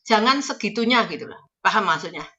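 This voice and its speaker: A woman's voice: medium pitch, lively intonation, a little fast, sharp tone, lo-fi sound. A woman from Java with a Javanese accent, giving chatty, coaching advice to domestic workers heading abroad and slipping into Javanese phrases. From Java, Indonesia. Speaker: agent advising domestic workers going abroad. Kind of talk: casual advice talk.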